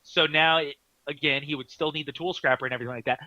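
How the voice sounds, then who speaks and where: Excitable high-voiced male game commentator. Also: quick pace, dry recording, lo-fi sound. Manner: excitable, laughs often, fillers and restarts.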